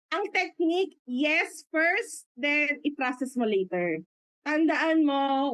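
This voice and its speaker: A high-pitched middle-aged woman with a Filipino accent, coaching listeners in a lively motivational talk. She laughs often and jumps into quoted voices. The sound is dry and close, with almost no room echo. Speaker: business mentor.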